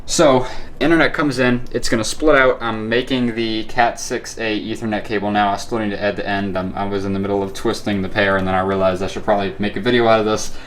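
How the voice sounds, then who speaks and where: Low-voiced man rambling casually, noisy recording. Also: fairly even intonation, quick pace. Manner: rambling, laid-back explaining with "like" and "epic". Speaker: vlogger showing a home tech setup. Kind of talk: casual, unscripted show-and-tell vlog. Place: bedroom at home.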